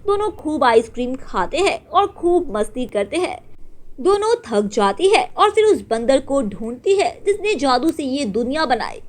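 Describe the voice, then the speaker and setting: Woman storyteller, high lively voice, sing-song children's story, soft music behind. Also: measured pace.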